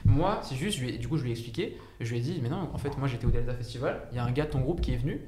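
A man, a company founder, talking fast and rambling with many restarts as the guest in a casual podcast chat. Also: mid-range voice, dark tone, echoey room.

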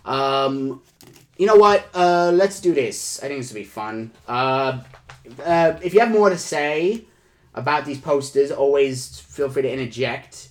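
A man hosting a comedy show in improvised chat, talking in a rambling, halting and effusive way. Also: medium pitch, animated.

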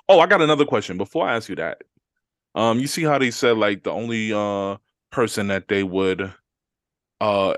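A man's voice: lowish voice, fairly bright tone, dry recording, clean studio sound. A man co-hosting a podcast, talking in a laid-back slangy way and reading listener comments aloud. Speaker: podcast co-host. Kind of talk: casual chat.

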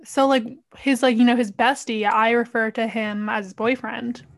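A woman's voice: a little high, level tone, moderate pace. Sarcastic young woman, dry delivery. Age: young adult. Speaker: guest. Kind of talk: casual chat.

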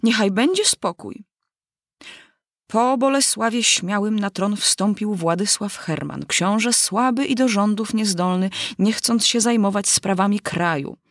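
A woman putting on a high fussy lecturing mouse. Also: no room sound, studio quality. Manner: prim, lecturing, quickly irritated. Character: fussy self-important mouse lecturing a crowd.

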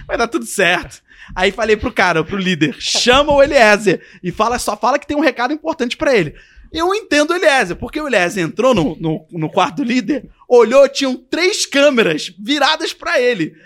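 A man's voice: very high voice, fairly quick. A young man casually telling a story on a podcast, acting out the quotes and voices of the people in it. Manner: animated, acts out quotes and voices. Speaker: podcast guest.

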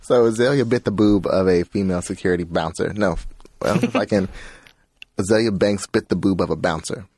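A man's voice: deep voice, a little fast, darkish tone, husky. A man co-hosting a podcast in casual chat, dropping dry quips and laughing often. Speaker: podcast co-host.

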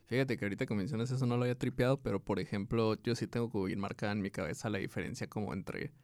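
A man with a Mexican Spanish accent co-hosting a podcast in casual chat, relaxed and reading definitions aloud. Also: on the low side, very fast, no echo, clean studio sound. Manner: laid-back, reads aloud with laughs. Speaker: podcast co-host.

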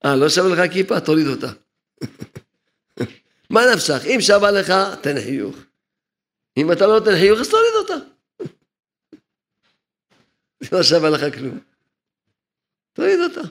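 A man's voice: a little high, expressive, long pauses, fairly bright tone. A man teaching a religious lesson, explaining his points over and over and chuckling at his own remarks. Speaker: rabbi teaching a Torah lesson.

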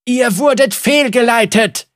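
A man voicing a young, ragged male heretic preacher who accuses and rails loudly at a crowd. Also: high-pitched, takes it slowly, gravelly, no echo, studio quality, voice pushed up, heavily acted. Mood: fervent. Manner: impassioned, accusing, loud preaching. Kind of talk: audiobook character voice.

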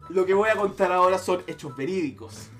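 A man's voice: sits high, a little fast, soft background music. A young man with a Chilean accent, hosting a podcast and telling a crude story with lots of laughter. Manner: crude, laughing, animated retelling. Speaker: podcast host. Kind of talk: casual joking storytelling.

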